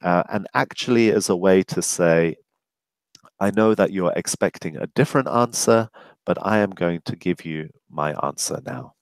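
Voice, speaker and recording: Male ESL teacher, lowish voice, deliberate with fillers, demonstrates phrases aloud. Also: gravelly, no room sound. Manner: slow, deliberate, many fillers, models phrases with rising intonation. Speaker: English teacher. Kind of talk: webinar lesson.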